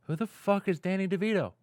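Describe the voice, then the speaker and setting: A man's voice: high-pitched, darkish tone, no echo, voice pushed up. A man voicing a grumpy, foul-mouthed man who swears his way through every line. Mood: grumbling. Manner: gruff, swears constantly.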